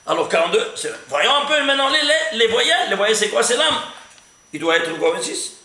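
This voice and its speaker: A man leads an animated Torah lesson as a rabbi, firing questions and counting through numbers aloud. His voice sits high and bright, swinging widely in pitch. The room is echoey. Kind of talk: lively Torah lesson with gematria.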